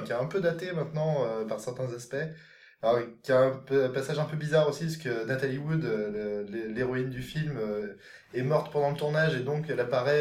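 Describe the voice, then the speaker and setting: A man's voice: mid-range voice, echoey room. A man chatting casually about films on a panel, hesitant, with many fillers and restarts. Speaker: film reviewer on a panel. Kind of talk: casual film discussion.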